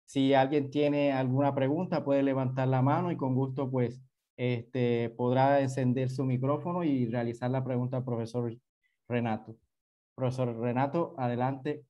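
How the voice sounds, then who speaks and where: Male host, medium pitch, formal introduction, video call, courteous academic wording. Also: little pitch movement, normal speed, lo-fi sound. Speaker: session host introducing a speaker.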